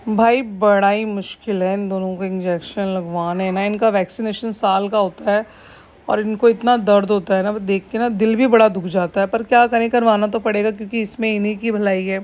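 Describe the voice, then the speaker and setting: A woman's voice: medium pitch, fairly even intonation, normal speed, a little mellow. Chatty woman vlogging to her viewers. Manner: chatty, addressing viewers as friends. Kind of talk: casual vlog chat.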